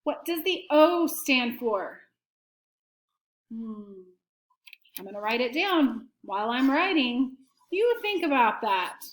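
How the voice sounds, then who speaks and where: A woman teacher giving an early-grade writing lesson and slow dictation to students at home, prompting them patiently. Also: high voice, very animated, roomy sound.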